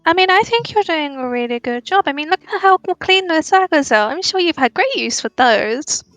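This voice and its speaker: A woman's voice: extremely high pitch, animated, normal speed, a bit bright, no echo, soft background music, pitched above the performer's own voice, heavily acted. A woman playing a cheerful, oblivious young adventurer girl in a tabletop game, breezy, naive and rambling. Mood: eager, friendly.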